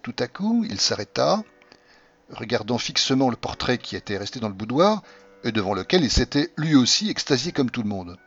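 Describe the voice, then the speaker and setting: Husky man narrating a classic novel. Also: medium pitch, brisk. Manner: expressive storytelling reading. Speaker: audiobook narrator. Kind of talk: scripted literary narration. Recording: dull lo-fi audio.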